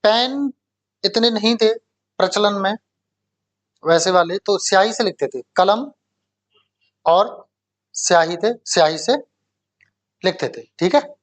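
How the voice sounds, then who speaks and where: Male grammar teacher from India, classroom delivery, repeats key words slowly and keeps checking that students follow. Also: sits high, animated. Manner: asks the class questions and answers them himself, often checking "okay?".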